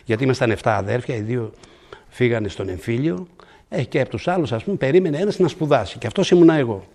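An older man tells anecdotes with a gravelly, husky voice. He pokes fun at himself and acts out what others said. He sounds relaxed and conversational. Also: medium pitch. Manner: humorous, self-mocking, quotes people vividly. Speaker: interviewee. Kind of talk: anecdotal storytelling.

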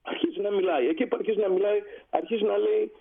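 A man's voice: high voice, gravelly, slightly rough. A man who served on ships, telling a story in a radio interview and acting out the dialogue. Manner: animated, acts out quoted dialogue. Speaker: retired sea captain guest. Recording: tinny phone line.

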